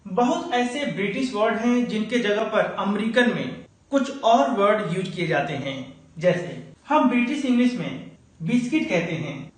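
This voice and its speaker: Male teacher, high-pitched, patient explainer, heavy echo. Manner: addresses viewers as friends, steady explaining. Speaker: English teacher. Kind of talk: explanatory video lesson. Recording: very echoey room.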